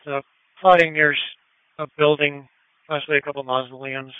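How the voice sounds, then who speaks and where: A man's voice: fairly high pitch, flat delivery, normal speed, smooth, dry recording. A man working as an emergency dispatcher, talking in clipped, procedural police radio traffic. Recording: muffled police radio channel.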